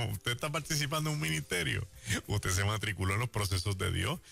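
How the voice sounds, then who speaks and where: Man, Puerto Rican accent, sermon, lively storyteller, creaky voice. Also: mid-range voice, normal speed. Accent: Puerto Rican Spanish. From Puerto Rico. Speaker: preacher.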